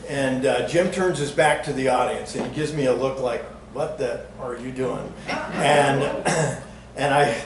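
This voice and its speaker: Older man telling stories in an echoey room. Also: mid-range voice. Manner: chatty and jokey, acts out quotes with a raised voice. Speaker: entertainer telling stories at a museum talk. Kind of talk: storytelling to a live audience. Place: museum event room. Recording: echoey room, distant mic, noisy background.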